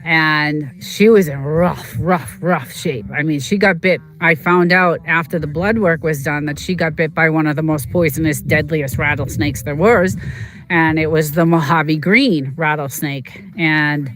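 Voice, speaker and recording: A vlogger in casual, rambling chat, repeating words and filling pauses, and turning emotional when recalling a pet's injury. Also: medium pitch, fairly even intonation, a bit bright. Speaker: vlogger telling a personal story.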